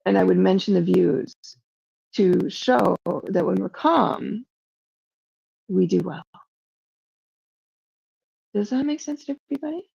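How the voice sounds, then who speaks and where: Woman streamer, casual livestream talk, emotional and rambling, dark gravelly tone, dry lo-fi sound. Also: medium pitch, slow, long pauses, no echo. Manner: rambling, emotional, self-doubting; frequent "like" fillers.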